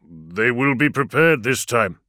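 A male narrator voicing a humble convert leader who speaks slowly and earnestly. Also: mid-range voice, animated, bright, forceful tone, no room sound, studio quality, voice pushed up. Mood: warning.

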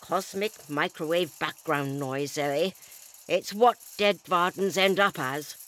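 A woman's voice: sits low, slow, fairly bright tone, a little hiss or hum, voice pushed down. A woman doing a grim, urgent male doctor. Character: grim, brisk male doctor, older and knowing.

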